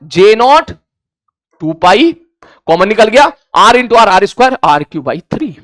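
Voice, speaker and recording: A man's voice: high voice, big pitch swings, measured pace, fairly bright tone, no room sound, studio quality. A man teaching a physics class, acting out back-and-forth dialogue with imagined students in a conversational way. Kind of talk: classroom lecture.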